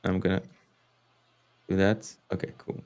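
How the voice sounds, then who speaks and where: Livestream host, French-accented man, lowish voice, rambling and casual. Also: little pitch movement, a little slow, a little mellow. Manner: rambling, filler-heavy, swears, laughs often.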